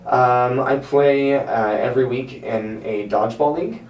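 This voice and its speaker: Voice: mid-range voice, a little slow, a little mellow. A person speaking informally as a counselling client, hesitant and searching for words. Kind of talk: hesitant conversation. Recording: roomy, distant mic, faint noise.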